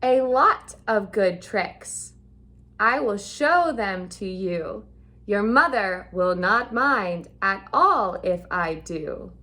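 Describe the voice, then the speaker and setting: A woman voicing a playful, show-off male cat in a storybook read-aloud, in a slow, sing-song rhyming delivery. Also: mid-range voice, expressive, sharp tone, voice pushed down. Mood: boastful. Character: playful male cat in a hat, showing off tricks.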